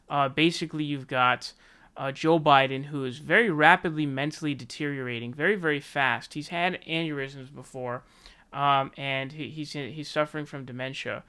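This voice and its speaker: Bright, crisp American male political commentator. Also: a little high. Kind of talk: informal video commentary.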